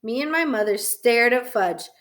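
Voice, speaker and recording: A woman reading a children's chapter book aloud in an expressive storytelling voice. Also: on the high side, moderate pace. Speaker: reader.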